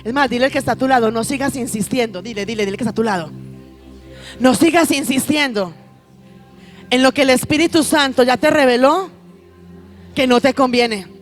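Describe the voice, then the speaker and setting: A woman's voice: high-pitched, fairly quick, pauses often, soft background music. A woman pastor, preaching a fervent sermon, urging the congregation to respond and shifting to a chatty tone for personal stories.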